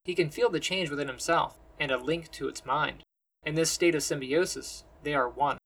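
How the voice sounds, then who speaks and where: A man narrating a science-fantasy story in measured, descriptive storytelling. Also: fairly high pitch, vocal fry, a bit bright, rough recording. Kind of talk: scripted fantasy audiobook narration.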